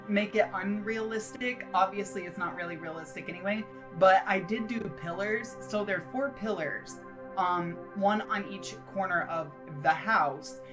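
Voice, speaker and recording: A woman hosting a video channel, giving chatty, enthusiastic, emphatic voice-over commentary on a game build in a casual style. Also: medium pitch. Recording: music behind the voice. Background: music.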